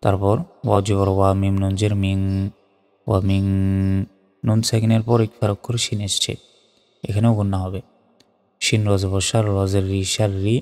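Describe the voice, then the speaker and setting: A man's voice: fairly low pitch, flat delivery, darkish tone. Man teaching recitation in a reverberant room. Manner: slow chanted recitation alternating with explanation. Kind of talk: spelled-out recitation lesson. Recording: long reverb.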